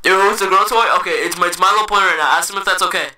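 A man improvising a comedy role-play as a flustered, giggly young fast food cashier, stammering and repeating himself. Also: high voice, sharp tone. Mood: amused, flustered. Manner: stammering, repeating words, breaking into laughter. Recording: noisy amateur recording with clicks.

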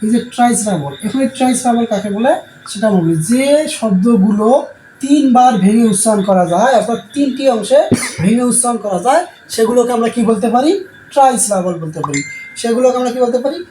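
A man's voice: very high-pitched, fast, mellow. A male teacher, giving a classroom lesson and answering his own questions over and over. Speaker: English teacher. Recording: roomy sound with faint background noise.

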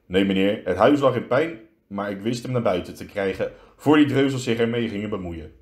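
A huge gruff giant with a soft heart, as a man puts him on, speaking low and hesitant, his voice choking up. A storybook figure in a children's read-aloud. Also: a little fast, echoey room, natural voice. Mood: sheepish. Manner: low, stammering, tearful.

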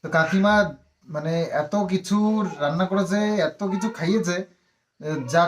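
A woman's voice: fairly low pitch, moderate pace. A woman from West Bengal chatting casually to camera at home for a family vlog, rambling with lots of fillers, tired after a long ride. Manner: fond and teasing when talking to a child. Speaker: family vlogger.

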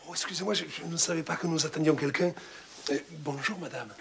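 A man's voice: on the high side, steady tone, quick pace, creaky, background noise. An actor playing a flustered, eager man who talks hesitantly, in a sitcom. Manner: hesitant, full of euhs. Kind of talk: sitcom acting.

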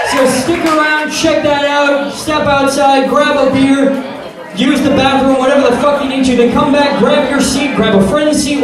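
An American man hosting a live stage show, announcing to the audience in a casual, showy, hyped-up way. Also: very high-pitched. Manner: casual, showy, swearing hype. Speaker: burlesque show host. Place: small theater stage, indoors. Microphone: handheld microphone through PA, filmed from the audience. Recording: echoey hall from far off, audience noise. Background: crowd noise.

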